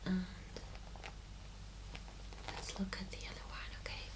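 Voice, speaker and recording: A woman speaking in a soft, breathy, often whispered voice, doing a whispered role-play as a personal shop assistant with gentle, hesitant phrasing. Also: a little slow, poor audio. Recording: clear background noise.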